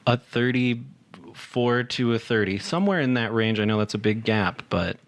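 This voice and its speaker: A man's voice: medium pitch, moderate pace. Easygoing man hosting a podcast. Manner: easygoing storyteller, laughs often. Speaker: podcast host. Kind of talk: casual podcast banter.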